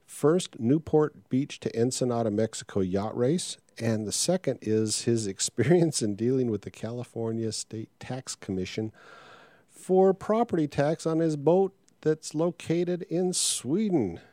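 A man's voice: medium pitch, expressive, unhurried, warm tone, no echo. A man hosting a podcast in a casual, conversational way, making announcements to his listeners. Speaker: podcast host.

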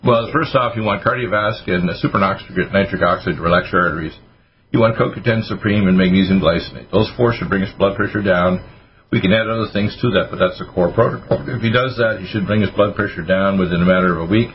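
A man with a somewhat low voice rattles off advice at speed, in a hyper, rushing manner. His voice comes through dull, lo-fi radio audio with a faint hiss behind it. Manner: rapid, hyper delivery. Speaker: radio show host, doctor giving health advice. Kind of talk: casual radio call-in talk.

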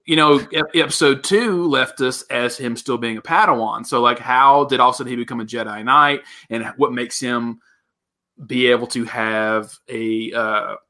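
A man co-hosting a podcast in casual chat, telling stories with quick asides. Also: medium pitch. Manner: animated storyteller, quick asides. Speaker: podcast co-host.

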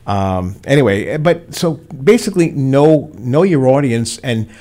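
A middle-aged man, a veteran radio DJ giving rambling advice in a studio chat and telling stories with animated quoted voices. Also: medium pitch, a little slow.

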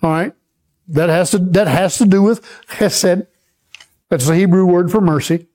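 A man preaching a sermon, teaching slowly and checking in with the congregation as he goes. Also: sits high, dark tone. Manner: slow, repetitive, checks in with the congregation. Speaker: pastor.

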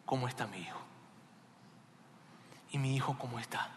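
A man's voice: mid-range voice, normal speed, a little hiss or hum, pitched below the performer's own voice, close to an everyday voice. A man acting out a grieving aging king mourning his son, pleading and broken. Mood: hushed dread. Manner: pleading, broken, hushed to wailing. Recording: echoey hall.

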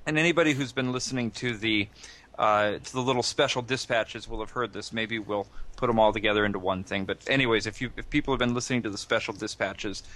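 A man co-hosting a podcast in casual chat, speaking in a hesitant, halting way. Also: on the low side, fairly bright tone. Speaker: podcast co-host.

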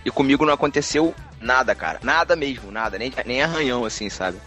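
Fast-talking man telling a story. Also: medium pitch, soft background music. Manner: animated, laughs often, repeats words. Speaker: podcast co-host. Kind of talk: casual storytelling chat.

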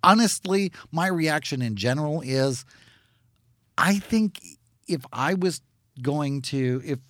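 A man's voice: fairly high pitch, expressive, takes it slowly, a bit bright, no echo, studio quality. An American man co-hosting a podcast with casual, opinionated banter and a wry, sardonic manner. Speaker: podcast co-host.

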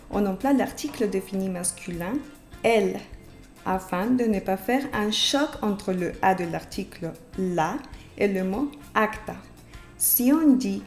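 A woman hosting a podcast language lesson who explains slowly and carefully, and who repeats example words for her learners. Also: mid-range voice. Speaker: Spanish teacher and podcast host.

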